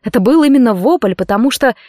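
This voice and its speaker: A woman's voice: a little high, animated, fast talker, dark tone, no room sound. Woman reading a tense story, dry sound. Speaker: audiobook narrator. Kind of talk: scripted narration.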